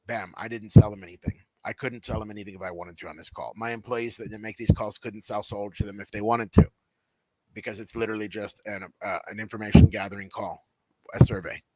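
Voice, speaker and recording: A man teaching telemarketing in a loose, conversational way, with many fillers, calling his listeners guys. He says he has a mild headache and sounds a little low on energy. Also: fairly even intonation, fairly quick, dark tone, no echo, low-quality recording. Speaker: telemarketing coach. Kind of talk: casual spoken tutorial.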